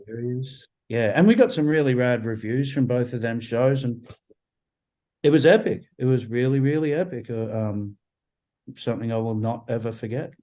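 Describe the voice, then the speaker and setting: A man's voice: medium pitch, normal speed, warm tone, poor audio. A man talking casually about his band over a video call, enthusiastic, repeating words and using many fillers. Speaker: band member guest.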